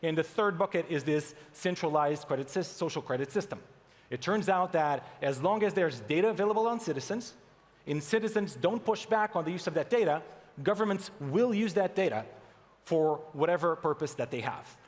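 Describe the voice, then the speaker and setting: A man from Portugal giving a conference keynote talk in English, animated as he reads out mock headlines to the audience. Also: a little high, normal speed. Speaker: conference speaker. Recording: long hall reverb.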